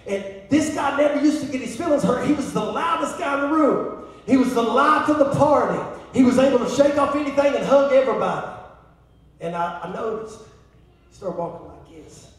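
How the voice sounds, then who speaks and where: A man with a Southern American accent preaching a sermon as pastor, swinging from hushed asides to shouting calls to the congregation. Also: very high voice, lively intonation, fairly quick. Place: church sanctuary. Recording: echoey church hall from far off.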